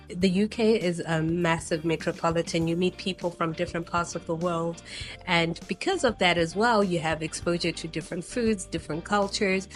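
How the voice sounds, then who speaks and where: A woman from Zimbabwe in her thirties talks to camera in a relaxed travel vlog, wandering through her thoughts with frequent ums. Her voice sits fairly low for a woman. Soft music plays faintly behind her. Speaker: travel vlogger. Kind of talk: casual chat to camera. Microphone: new personal microphone set.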